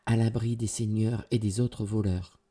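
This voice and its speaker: A man voicing a kind magical male bird in a storybook tale, calm and reassuring. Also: on the low side, moderate pace, husky. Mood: grateful.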